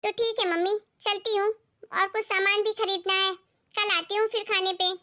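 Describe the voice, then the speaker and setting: A woman voicing a jealous grown daughter in an animated family skit, talking in a sharp, complaining way. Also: very high-pitched, normal speed.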